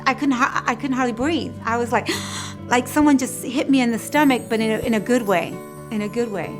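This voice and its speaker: A woman's voice: a little high, a little fast. Emotional woman retelling a story over guitar. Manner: heartfelt, reenacts dialogue in animated voices. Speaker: documentary interviewee. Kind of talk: emotional personal account. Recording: guitar music underneath. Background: guitar music.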